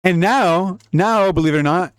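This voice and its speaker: A man's voice: high-pitched, moderate pace, slight background noise. A young man giving casual, jokey, rambling commentary while playing a video game. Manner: rambling, jokey, laughs often. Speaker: gaming YouTuber.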